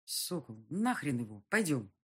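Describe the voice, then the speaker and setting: A woman's voice: very deep voice, sing-song, unhurried, slightly rough, pitched below the performer's own voice, exaggerated voice. A woman voicing a blunt, impatient male detective who speaks curtly and dismissively. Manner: curt and dismissive.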